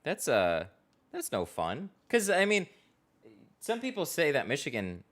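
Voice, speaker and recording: A man with a somewhat high, slightly bright voice talks at an unhurried pace, his pitch swinging hugely. He installs window tint and hosts a laid-back livestream from the shop garage, chatting while he works, laughing frequently and answering viewers' questions.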